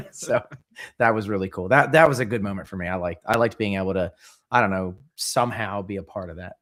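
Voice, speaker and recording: A man with a somewhat low voice co-hosts a casual chat. He talks in a relaxed, chatty way and often repeats words as he goes. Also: a little fast. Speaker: podcast co-host.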